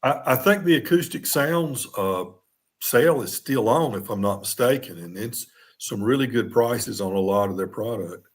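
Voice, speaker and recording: A man's voice: mid-range voice, animated, normal speed, slightly rough. A man in a casual livestream chat who chimes in with short, dry questions.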